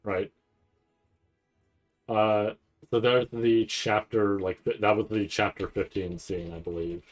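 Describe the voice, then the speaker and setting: Breaking down a trailer on stream, a man with a low, level-toned voice comments informally without a script, stumbling and repeating himself as he works things out aloud. Faint music plays in the background of this anime reaction commentary.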